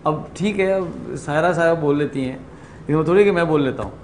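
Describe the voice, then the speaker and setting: A middle-aged man from Pakistan leading a workshop, telling stories in an animated way and slipping into English phrases. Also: on the high side, slight background noise. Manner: animated storyteller, acts out quoted exchanges, mixes in English. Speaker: workshop trainer. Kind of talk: lively lecture to a class. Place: training room with a group.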